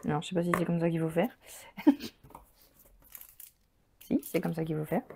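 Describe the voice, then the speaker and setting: A woman's voice: lowish voice, moderate pace, gravelly, noisy background. A woman hosting a crafting channel, chatting casually and enthusiastically as she unboxes supplies, thinking aloud with many fillers.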